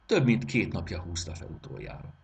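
A man narrating a children's story aloud in an expressive reading. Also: sits low, gravelly, husky. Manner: expressive, lilting delivery.

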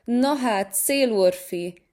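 Cheeky young tomcat in a storybook, lively, teasing big brother, voiced by a woman. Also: mid-range voice, natural voice. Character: cheeky clever young male cat, playful big brother.

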